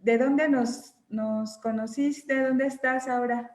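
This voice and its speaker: Higher-voiced woman hosting in an echoey room. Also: fairly even intonation, takes it slowly, darkish tone. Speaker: class host. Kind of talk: casual introductions on a video call. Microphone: video call.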